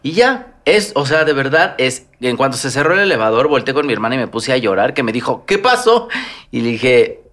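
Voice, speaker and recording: A Mexican man chatting casually as a podcast guest, spinning personal anecdotes and slipping into the voices of the people he quotes. His pitch is middling, and his delivery stays expressive and conversational throughout. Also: a little fast, few pauses. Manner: storytelling, animated, acts out quoted dialogue. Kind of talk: casual chat.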